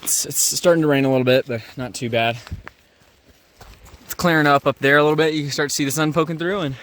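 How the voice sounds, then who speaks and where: A man casually narrating a rainy mountain hike outdoors, relaxed and chatty with a few fillers. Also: fairly high pitch, quick pace. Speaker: hiking vlogger.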